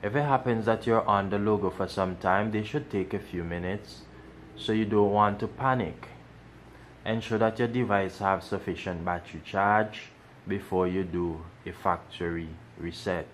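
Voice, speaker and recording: Low-voiced man walking through a tutorial. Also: fairly even intonation, normal speed, a little hiss or hum. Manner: step-by-step, repeats instructions. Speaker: tech tutorial host. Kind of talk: casual how-to walkthrough.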